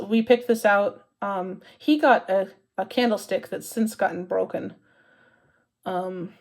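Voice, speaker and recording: A woman in her forties from Maine chats casually to camera as a cross-stitch vlogger, her mid-range voice creaky and a little mellow. She rambles a lot, correcting herself and using plenty of fillers.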